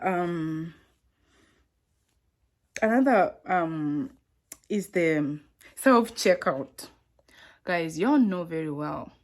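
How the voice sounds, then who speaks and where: A woman's voice: deep voice, darkish tone. A young woman from Kenya with a Kenyan accent, talking casually and animatedly to her viewers in a vlog, often exclaiming and laughing. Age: young adult. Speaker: vlogger. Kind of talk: casual vlog talk to camera.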